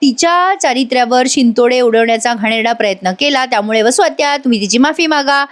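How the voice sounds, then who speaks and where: A woman voicing a sharp-tongued young woman who scolds everyone, in an acted serial recap. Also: fairly high pitch, quick pace, close to an everyday voice. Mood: indignant.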